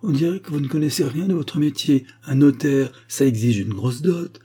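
A man's voice: mid-range voice, normal speed, mellow, a little hiss or hum, pitched above the performer's own voice, natural voice. A man voicing a shy, hesitant young widowed mother in a romance story read aloud. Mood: bashful. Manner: hesitant, modest.

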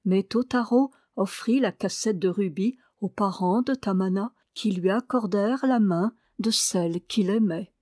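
A woman reading a fairy tale aloud in a calm, measured storytelling manner. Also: mid-range voice, dry recording, studio quality.

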